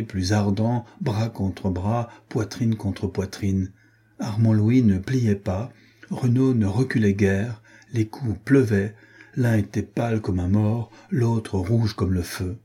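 A man reading a novel aloud in a measured storytelling manner. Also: on the low side, steady tone, dark tone, breathy edge. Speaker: audiobook narrator. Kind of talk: scripted narration.

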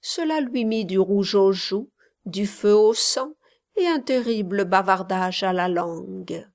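A woman narrating a literary story in a slow, measured voice that at times drops almost to a whisper. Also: mid-range voice.

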